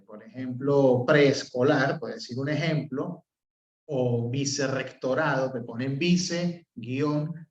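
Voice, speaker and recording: Venezuelan professor lecturing in a roomy classroom. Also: male voice, mid-range voice. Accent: Venezuelan Spanish. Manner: explanatory, frequent "eh" and checking "¿ok?". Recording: roomy, distant, dull sound.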